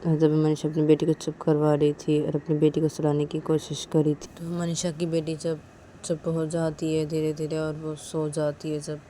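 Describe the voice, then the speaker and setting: A woman narrating a story in a casual, repetitive way, her voice low and mellow. Faint hiss runs behind her. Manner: plain, repetitive retelling.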